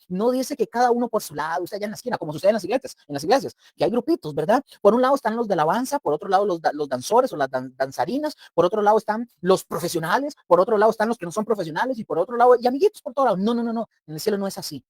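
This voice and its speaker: A man's voice: sits high, expressive, fast talker, hardly any pauses, a little mellow, dry recording. A male preacher teaching scripture in an emphatic, explaining way. He keeps turning to his listeners as brothers and acts out little scenes to make the point. The sound is dry and close, with no room around it. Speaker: preacher teaching a Bible study. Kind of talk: sermon-style Bible teaching.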